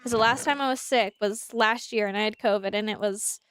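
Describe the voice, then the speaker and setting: Casual live gameplay chat comes from a woman whose mid-range, fairly bright voice moves a little fast over slight background noise. She rambles to viewers and the game's animals, slightly nasal from congested sinuses, using a desk microphone at a computer.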